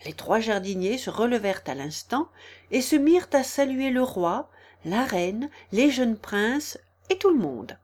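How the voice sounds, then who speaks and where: A woman narrating a storybook audiobook at a slow, deliberate pace. Her reading is expressive, with wide, lively swings in pitch as she tells the tale.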